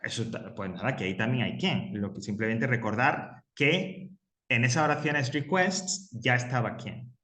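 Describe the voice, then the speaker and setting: A man's voice: medium pitch, normal speed, sharp tone, echoey room. A man teaching English grammar to a class, patiently explaining and repeating example sentences. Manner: patient, repeats key points, reads example sentences aloud.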